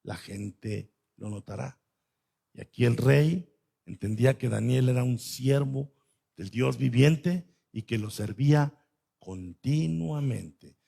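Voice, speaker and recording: A man preaching a sermon, swinging between loud stresses and soft asides. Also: mid-range voice, slow, gravelly, slightly rough. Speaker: pastor.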